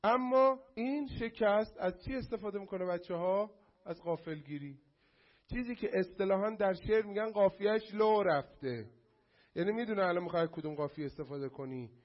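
A man giving a lively lecture to a class, addressing the students directly and acting out quotes to make his point. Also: high voice, lo-fi sound. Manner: animated, addresses the class, acts out mocking quotes.

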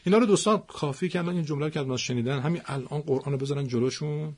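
A man teaching the stress rules of Quranic Arabic, patiently repeating words slowly. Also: a little high, slightly rough.

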